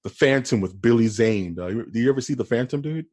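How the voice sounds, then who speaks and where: A man co-hosting a podcast in casual, rambling chat, with a deep, bassy voice. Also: lively intonation, fast talker, darkish tone, no echo. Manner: laid-back, rambling, calls his friend dude and dog. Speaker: podcast co-host.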